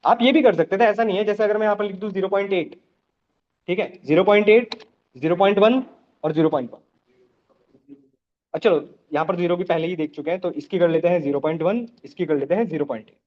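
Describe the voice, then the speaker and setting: A man's voice: high-pitched, fast talker, lo-fi sound. A man teaching a live programming class, explaining step by step and often checking that the students follow.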